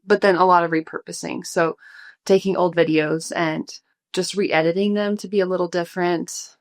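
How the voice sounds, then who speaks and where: A young woman talking through her work in a relaxed interview, slightly out of breath and pausing with fillers. Her voice sits a bit low for a woman. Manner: relaxed, thoughtful, many fillers. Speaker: guest, food blogger. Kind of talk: casual interview.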